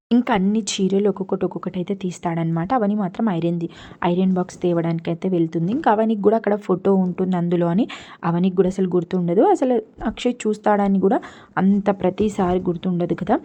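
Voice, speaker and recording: A woman's voice: lowish voice, brisk, dark tone, lo-fi sound. A woman, animatedly retelling a TV serial episode with many fillers. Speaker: TV serial reviewer.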